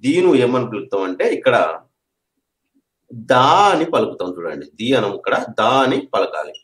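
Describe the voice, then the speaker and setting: A man's voice: on the low side, very animated, moderate pace. A man teaching an English grammar lesson, repeating each point and checking that his students understand. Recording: echoey room.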